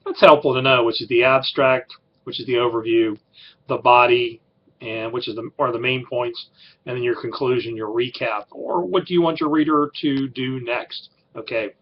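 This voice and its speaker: A middle-aged man introduces his college writing course at mid pitch. He rambles and corrects himself, dropping fillers as he goes. The recording sounds slightly muffled and lo-fi. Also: fairly even intonation, moderate pace.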